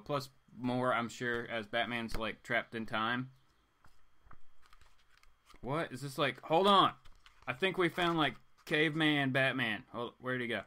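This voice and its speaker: A man hosts a casual comics reading livestream, rambling informally and getting theatrical when he reads aloud. His voice is mid-range with a sharp tone.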